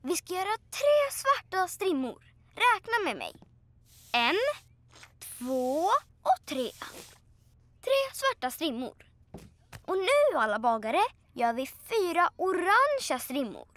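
Cartoon tiger cub, age four: very high, lively, eager and sing-song, music bed underneath. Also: female voice, pauses often, no echo, exaggerated voice. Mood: counting. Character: cheerful four-year-old boy tiger cub. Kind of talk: Swedish cartoon dubbing.

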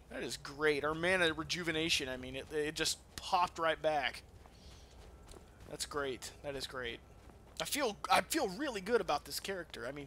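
A man with a fairly high, sharp voice hosts a let's play, rambling casually and swearing as he comments on the game. Video game ambience plays underneath, and there's a slight hiss or hum on the recording.

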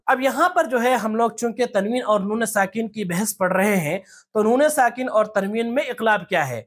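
In a step-by-step tajweed lesson on reading the Quran, a teacher with a husky, mid-range voice slowly spells out letter sounds and often poses rhetorical questions.

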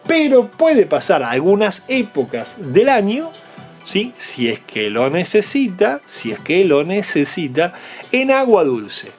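A man's voice: high voice, huge pitch swings, slow, faint music behind. A man, unboxing toys and patiently explaining them to young viewers, checking in with them all the time. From Argentina. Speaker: toy unboxing vlogger.

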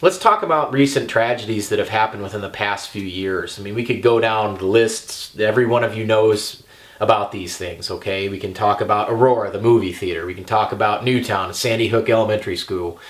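A man's voice: fairly low pitch, brisk. Young guy lecturing about carrying, emphatic and preachy, keeps saying okay and all right. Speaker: firearms instructor. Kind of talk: direct-to-camera talk.

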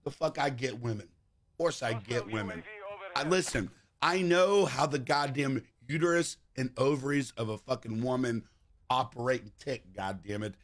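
A man livestreaming game commentary in a brash, animated frat-bro manner, swearing constantly and exclaiming. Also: mid-range voice, normal speed. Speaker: video game livestream host. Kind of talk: livestream gaming chat and commentary.

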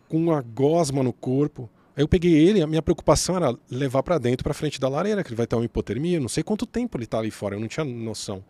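Man, Brazilian accent, podcast guest, quick lively retelling, dry studio sound. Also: medium pitch, dry recording. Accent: Brazilian Portuguese. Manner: lively, vivid retelling with quoted dialogue. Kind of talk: storytelling in a podcast conversation.

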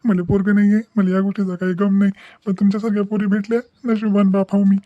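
A man voicing a worried, tearful village father, speaking slowly and solemnly in a cartoon. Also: high-pitched, little pitch movement, no room sound, narrow, tinny audio, natural voice. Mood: tender. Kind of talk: cartoon voice acting.

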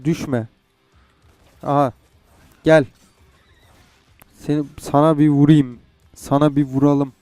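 A man's voice: a little high, level tone, slow, long pauses, warm tone, dry recording, faint music behind. A young man playing a game and commenting, frustrated and swearing as he goes. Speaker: gamer. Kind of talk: gameplay commentary.

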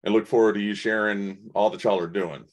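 Male host, 40s, low voice, chatty video-call talk with plenty of ums. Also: fairly even intonation, fairly quick. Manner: chatty, many fillers and restarts. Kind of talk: online conference interview. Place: indoors in front of a branded backdrop. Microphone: webcam video call.

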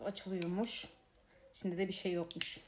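A woman's voice: fairly low pitch, flat delivery, moderate pace, background noise. A woman chatting casually to viewers as she unboxes toys, grumbling and exasperated at what she gets. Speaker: unboxing vlogger. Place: apartment room.

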